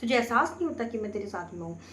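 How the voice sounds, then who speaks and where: A woman's voice: on the high side, animated, rapid-fire, a little hiss or hum. Woman voicing a fierce possessed goddess. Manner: loud, insistent questioning. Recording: roomy echo, faint ambience.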